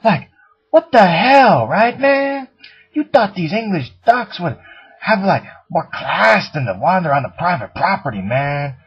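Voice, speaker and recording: A man's voice: sits high, sing-song, a little slow, husky, exaggerated voice. A man voicing a laid-back, rambling stoner homeowner in a comedy ad sketch, drawling and tacking "man" onto every phrase. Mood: rambling, annoyed. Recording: dull lo-fi recording.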